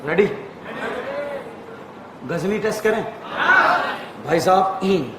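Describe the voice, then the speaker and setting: A man teaching chemistry to a class, firing rapid repeated questions at students, joking and often calling out loudly. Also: sits high, lively intonation. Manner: jokey, often calls out loudly. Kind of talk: lively classroom lecture. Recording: echoey room with crowd noise.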